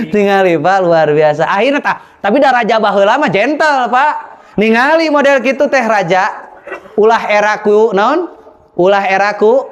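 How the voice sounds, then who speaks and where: A man preaching a lively storytelling sermon, animated and joking with the audience. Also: sits high. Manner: animated, mixes in regional phrases, jokes with the audience.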